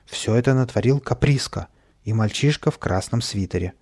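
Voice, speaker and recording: Cross storybook gardener, scolding loudly, a man reading him, gravelly. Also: mid-range voice, moderate pace, natural voice. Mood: angry. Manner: shouting, scolding. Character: angry male park gardener chasing kids.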